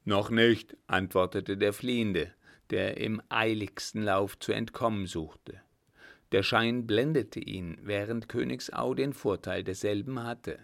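A man reading a historical adventure novel aloud in a steady, measured narration. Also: fairly low pitch, gravelly. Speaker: audiobook reader. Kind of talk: scripted narration.

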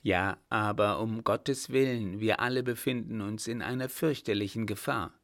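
A man's voice: on the low side, normal speed, no room sound, clean studio sound, lightly acted. A man reading as an earnest young hussar officer. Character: young Prussian hussar lieutenant, earnest and steady.

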